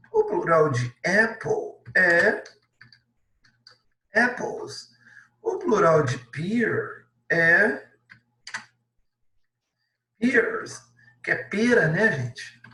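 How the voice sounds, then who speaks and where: Male Brazilian teacher, slightly high voice, patient step-by-step delivery, roomy echo. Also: bright, forceful tone, distant mic. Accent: Brazilian Portuguese. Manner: patient, explains step by step, adds many tag questions. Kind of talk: classroom lesson correction.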